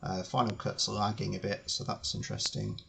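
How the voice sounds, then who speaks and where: A man streaming live as he edits his video, thinking aloud with fillers and restarts, his voice slightly hoarse. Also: fairly low pitch, level tone, fairly quick, fairly bright tone, slight background noise. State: slightly hoarse, clearing throat. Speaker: channel host editing video. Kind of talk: casual live-stream commentary.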